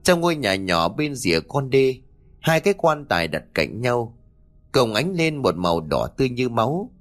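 A man reading a ghost story aloud in a dramatic, expressive manner. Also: medium pitch, moderate pace, soft background music. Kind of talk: scripted ghost story narration.

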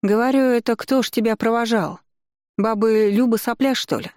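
A woman voicing a bossy, sharp-tongued old grandmother who grumbles and scolds bluntly, recorded dry and close. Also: on the high side, fairly even intonation, normal speed, dry recording, voice pushed up, lightly acted. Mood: grumbling. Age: older.

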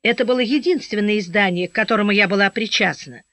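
A woman narrating a first-person audiobook story in a steady storytelling manner, voicing the dialogue. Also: medium pitch, fast talker, no echo. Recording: dry, slightly dull audio.

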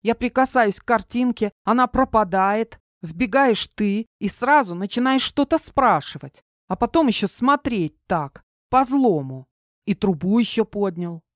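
A woman reading an audiobook, voicing a jumpy, sharp-tongued young woman who gabbles fast and snaps back. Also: medium pitch, expressive, no echo, studio quality, voice pushed up, close to an everyday voice. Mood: snappy. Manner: rapid, flustered, snapping.

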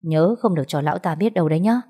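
A scheming young woman, pushy and coaxing, hurrying everyone along, as a woman storyteller plays her. The voice stays fairly low and mellow. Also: rapid-fire, husky. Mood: urging. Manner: urgent, coaxing, bossy.

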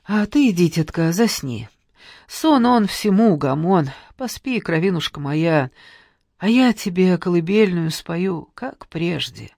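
A narrator voicing a tender, pious old nanny who soothes slowly with folksy endearments. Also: mid-range voice, expressive, creaky, darkish tone, no echo, clean studio sound. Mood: lulling. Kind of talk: audiobook character reading.

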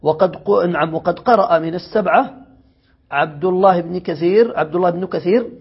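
A sheikh teaching classical Arabic grammar speaks briskly in a high-pitched, gravelly, husky voice. He reads passages from the text, explains them, and keeps making sure his students follow, all captured in a dull, lo-fi recording.

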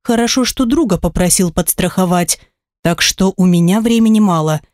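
A woman's voice: lowish voice, moderate pace, darkish tone, no room sound, clean studio sound, lightly acted. A woman voicing a grumpy, bungling male spirit who talks bluntly in an audiobook. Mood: irritable. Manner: blunt, irritable.

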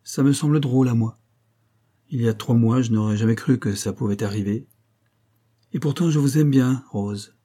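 Man reading earnest, frank young fellow; dark, husky, plain delivery. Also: medium pitch, moderate pace, close to an everyday voice.

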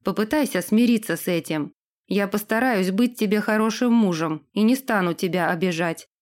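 A woman's voice: mid-range voice, normal speed, darkish tone, close to an everyday voice. A woman reading an audiobook, voicing a stern young lord and future king in a firm, commanding manner.

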